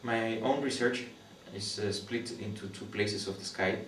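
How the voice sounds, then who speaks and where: This young man from Guatemala, an astronomy PhD student, is being interviewed about his research and answers thoughtfully in English that isn't his first language, stopping, restarting, and filling gaps often. His low-leaning voice has a fairly even melody and a fairly bright tone. Faint noise runs underneath, and he sounds distant in a spacious room.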